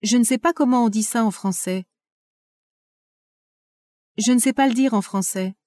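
Woman reading phrases slowly and clearly. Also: fairly high pitch, darkish tone, no room sound.

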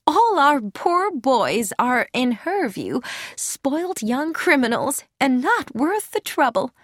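A woman puts on an exaggerated, sing-song voice for a sweet, serene old lady in an audiobook, soft and musical, higher than the narrator and lilting freely. Her delivery is slow and gentle, captured close and dry without echo.

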